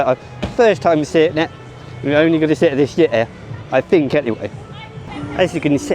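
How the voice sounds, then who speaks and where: A man's voice: a little high, a little mellow. A man giving casual, rambling vlog commentary at a theme park and then inside an exhibition. He thinks aloud, often restarts and corrects himself.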